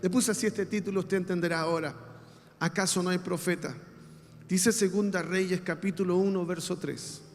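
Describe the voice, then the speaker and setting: A man with a Chilean Spanish accent preaching a sermon as a pastor, leading the congregation in call-and-response and swinging from soft speech to shouts. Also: sits high, fairly even intonation, normal speed, long reverb tail, slight background noise.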